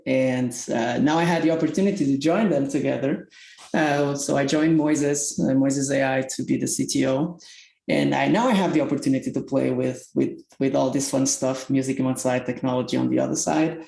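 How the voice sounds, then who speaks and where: Man with a gravelly voice. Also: medium pitch, fairly even intonation, a little fast, mellow. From Portugal. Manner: earnest, searching for words in English. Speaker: tech company executive guest. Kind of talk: podcast interview. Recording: roomy echoey sound.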